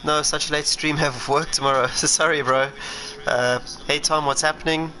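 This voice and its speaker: His voice sits a little high, with fairly even intonation, a moderate pace and a sharp edge. The rough recording catches a South African racing driver chatting and musing aloud as he streams a sim racer, with engine noise and car sounds beneath.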